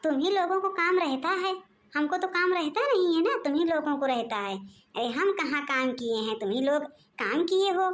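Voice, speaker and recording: A domineering old mother-in-law, voiced by a woman, who shouts and taunts in a high, piercing voice. She scolds everyone around her with scornful, bossy sarcasm. It is a cartoon family comedy performance. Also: animated, normal speed. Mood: taunting. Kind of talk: cartoon voice acting.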